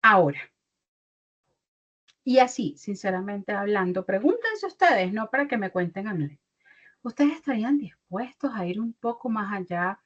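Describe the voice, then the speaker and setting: A woman's voice: medium pitch, normal speed. A young adult woman, giving an online mentoring talk as a career mentor and acting out little dialogues. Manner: animated, acts out little dialogues. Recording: dull lo-fi audio.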